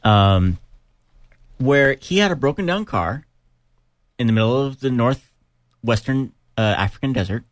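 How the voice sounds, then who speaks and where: A man co-hosting a radio talk show, telling a story with pauses and fillers. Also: mid-range voice, expressive, no echo, studio quality. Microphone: studio microphone.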